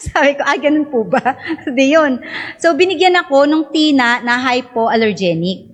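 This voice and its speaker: Middle-aged Filipina with a high voice, casual testimony style, laughs and acts out quotes. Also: female voice, animated, a little slow. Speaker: speaker sharing a personal story. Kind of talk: casual storytelling to a congregation.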